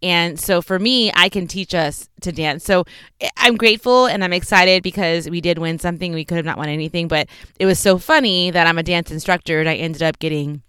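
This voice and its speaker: Young woman, from Texas, podcast host, recording inside a closet, very smooth clear voice, slightly low, dead dry sound, chatty, upbeat. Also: fairly quick, a bit bright, no room sound. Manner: chatty and upbeat, with frequent fillers and small laughs. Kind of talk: casual solo podcast chat.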